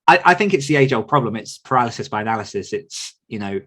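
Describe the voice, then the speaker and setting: Fast and expressive, this man's medium-pitched voice is a bit bright. As an author coach answering questions in conversation, he is earnest and reflective, frequently going back to reword himself.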